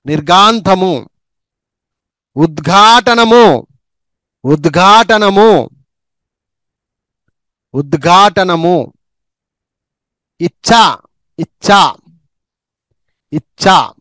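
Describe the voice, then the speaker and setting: A man with a fairly high voice runs a slow reading drill, saying every word carefully two or three times. He drops in quick little asides on how to practise. The sound is dry, with no room echo. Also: expressive, fairly bright tone. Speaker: Telugu reading teacher. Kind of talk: slow spelling and pronunciation drill.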